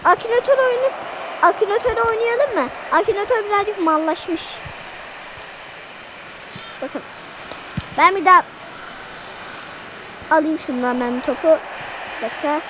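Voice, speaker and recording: A woman giving excitable let's-play commentary, shouting at the game and talking to her viewers. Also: extremely high pitch, unhurried, long pauses, background noise. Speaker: gaming channel host.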